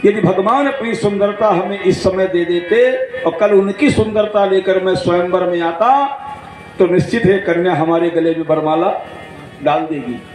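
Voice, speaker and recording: A man giving a devotional sermon, acting out dialogue in jokey anecdotes and slowly chanting verses, recorded through a PA at a large outdoor gathering. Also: high-pitched, darkish tone. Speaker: Bhagwat katha storyteller. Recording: echoey PA sound with faint instrument music.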